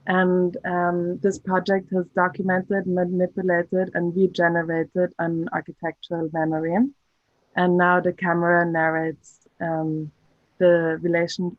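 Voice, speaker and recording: A woman's voice: fairly low pitch, completely flat delivery, a little slow, dry recording, lo-fi sound. A woman student presenting her project on a video conference call whose audio keeps cutting out. She speaks hesitantly, with many ums. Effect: video conference call audio that cuts out. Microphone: computer mic on a video call.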